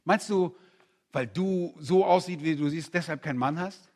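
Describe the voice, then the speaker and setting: Husky, high-voiced male preacher. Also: normal speed. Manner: animated, with rhetorical questions to the crowd; acts out quoted voices. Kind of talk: conference sermon.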